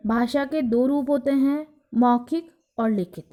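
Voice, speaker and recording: A woman teacher giving a recorded lesson, explaining slowly and acting out examples. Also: high voice, mellow. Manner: slow, explanatory, acts out examples. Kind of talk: recorded lecture on teaching Hindi.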